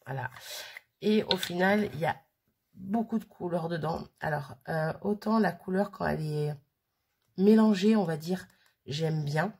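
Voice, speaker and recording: A woman's voice: fairly low pitch, a little slow, vocal fry, darkish tone, slightly rough. A woman chatting casually through a hands-on craft demo, full of fillers and little "hop" sounds as she works. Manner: chatty, filler-heavy, frequent "hop" while working. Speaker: crafting vlogger.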